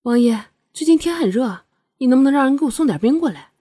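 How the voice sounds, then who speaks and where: A woman doing a sly, sharp-tongued noblewoman. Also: high-pitched, animated, quick pace, breathy edge, pitched above the performer's own voice. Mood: coy. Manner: teasing, coy and needling. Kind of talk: audiobook character voicing.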